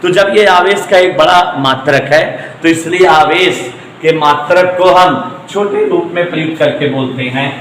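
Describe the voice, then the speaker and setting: A man's voice: fairly high pitch, moderate pace, fairly bright tone. Man teaching physics in an echoey room. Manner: repetitive, emphatic, joking asides to students. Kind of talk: classroom lecture. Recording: echoey room with long reverb, faint noise.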